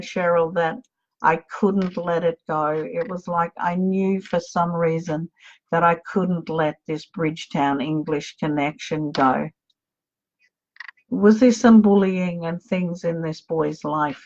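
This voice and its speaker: A woman's voice: on the low side, a little mellow. A woman acting as a psychic medium, giving an emotional live reading and tenderly calling her listener darling. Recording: dull lo-fi sound.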